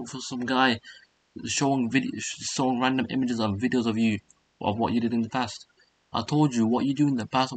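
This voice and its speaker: A man's voice: mid-range voice, a little hiss or hum. A man reacting in casual chat, crude and heated, swearing and mocking. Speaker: co-host reacting.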